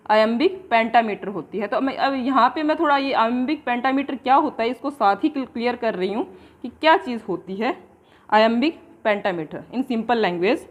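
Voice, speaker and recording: A woman teacher, giving an exam-prep lecture and slowly dictating definitions, then explaining them in Hindi. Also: a little high, muffled recording.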